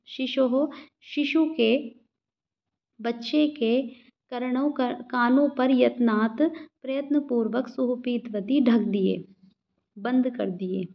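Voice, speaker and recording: Woman teacher, slow and methodical, repeats each phrase; muffled lo-fi audio. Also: on the high side. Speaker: Sanskrit teacher. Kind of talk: line-by-line Sanskrit explanation in Hindi. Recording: dull lo-fi recording.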